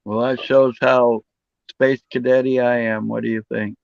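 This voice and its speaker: Gravelly laid-back man from Seattle. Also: medium pitch, flat delivery, moderate pace, dry recording, highs cut off. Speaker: host. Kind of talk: casual chat.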